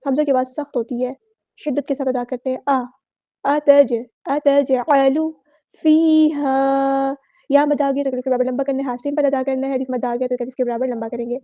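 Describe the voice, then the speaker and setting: Woman tajweed teacher with a Pakistani Urdu accent, high and level, mellow tone, slow chanted words between quick explanations. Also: little pitch movement, no echo, lo-fi sound. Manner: slow drawn-out recitation alternating with brisk explanation. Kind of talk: word-by-word recitation lesson.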